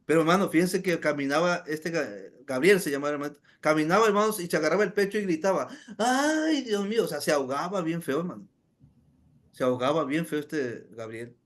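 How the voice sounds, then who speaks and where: A man with a rather high voice recounts a testimony to his listeners. He speaks as an evangelist, keeps addressing them as brothers, and fills his pauses with "este". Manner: keeps calling listeners "hermanos", many "este" fillers. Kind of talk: storytelling testimony to a congregation.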